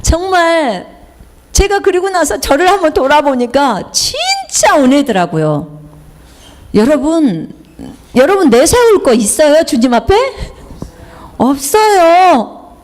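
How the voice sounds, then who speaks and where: A woman's voice: high voice, very animated, unhurried, darkish tone. A middle-aged woman missionary with a Jeolla accent, preaching a sermon in a chatty way, telling personal stories and asking the congregation questions. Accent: Jeolla Korean. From South Jeolla, Korea. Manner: chatty, asks the congregation questions, slips into dialect.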